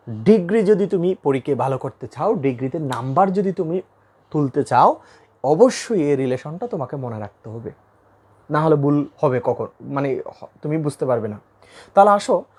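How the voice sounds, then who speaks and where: A man from Bangladesh teaches an English grammar lesson at a classroom board, repeating key points and quizzing his students with questions. His voice is a little high with a darkish tone.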